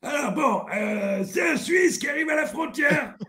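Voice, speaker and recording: A shrill crude old grandpa. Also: male voice, lively intonation, measured pace, heavily acted. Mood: crude rambling. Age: older. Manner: rambling, foul-mouthed, bursts into shouts. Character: crude rambling old grandpa, vulgar and shameless. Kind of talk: comedy sketch.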